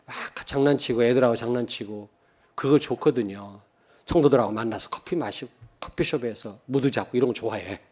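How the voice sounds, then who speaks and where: A man in his fifties from Cheonan, preaching a sermon as pastor, joking and telling stories, swinging from loud emphasis to quiet asides and calling out to the congregation. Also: medium pitch, a little fast. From Cheonan, South Korea. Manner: joking, anecdotal, calls out to the congregation.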